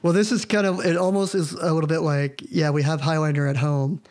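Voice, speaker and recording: A man co-hosting a podcast in relaxed casual chat, agreeable and easygoing. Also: on the high side, a little fast. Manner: easygoing, agreeable, lots of fillers. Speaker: podcast co-host.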